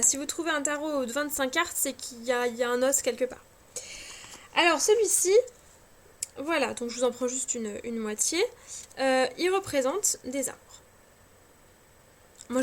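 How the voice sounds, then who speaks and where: A high-voiced woman talks casually at home, full of hesitant fillers and restarts and gently mocking herself. She sounds a little tired. Faint scratching noise sits behind her voice on the camera mic. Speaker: cartomancy vlogger. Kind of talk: casual chat showing card decks.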